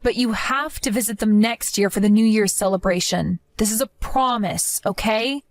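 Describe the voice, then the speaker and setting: A woman's voice: medium pitch, moderate pace, dry recording, lightly acted. A woman voicing Lily, a young wife who complains about unfair treatment by her in-laws in a dramatized chat story. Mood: aggrieved. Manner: aggrieved, complaining.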